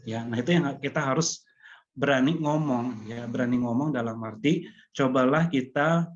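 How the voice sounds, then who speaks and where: Calm man giving advice on a call. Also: mid-range voice, normal speed, a little hiss or hum. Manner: calm, explaining with many fillers. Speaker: webinar speaker. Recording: dull lo-fi online call audio.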